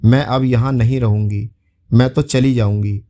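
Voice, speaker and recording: A jealous young wife in a spoken folk tale, tearful and furious, hurling accusations in a soft, mellow tone, as a male storyteller puts her on. The delivery stays close to an everyday reading voice. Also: medium pitch, fairly even intonation, normal speed, natural voice. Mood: accusing. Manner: wailing threats, accusing.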